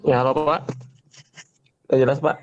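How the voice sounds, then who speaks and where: A man's voice: mid-range voice, flat delivery, moderate pace, slight background noise. A man answering his lecturer politely in an online class, his voice cutting in and out over a bad call connection. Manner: polite, apologetic. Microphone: online video call. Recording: dull lo-fi online call audio.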